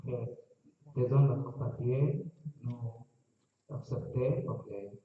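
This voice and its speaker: A man giving personal testimony at a public meeting in halting, broken French as a non-native speaker. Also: mid-range voice. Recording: very echoey, phone-like, distant, noisy.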